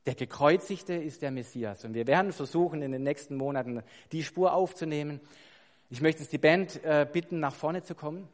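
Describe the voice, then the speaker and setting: A man's voice: on the high side, moderate pace. Emphatic man preaching in a reverberant hall. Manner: emphatic, building to loud stressed climaxes; rhetorical questions to the congregation. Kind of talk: sermon. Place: church hall.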